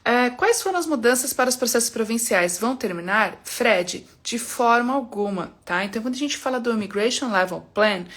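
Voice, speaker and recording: A woman working as an immigration consultant, answering viewers' questions on a live stream in a calm, explanatory way, often ending phrases with checking tags. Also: a little high. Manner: explanatory, reassuring, frequent "né?" and "tá?" tags.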